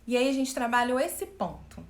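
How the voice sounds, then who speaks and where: A woman coach talks live to her viewers, lively and questioning. She often acts out what other people say. Her voice sits a little high, and the room rings with echo. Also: normal speed. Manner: animated, asks the audience questions, acts out quotes. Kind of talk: live-stream talk to viewers.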